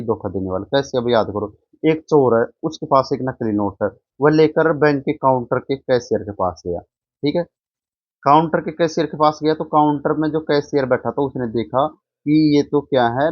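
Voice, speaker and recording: A man's voice: medium pitch, dry recording. A male teacher explaining English words step by step, asking questions and answering them himself, and reassuring students that each one is easy. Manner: keeps reassuring with short checks like "easy, right". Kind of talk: classroom-style vocabulary lesson with mnemonics. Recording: dull, slightly lo-fi dry recording.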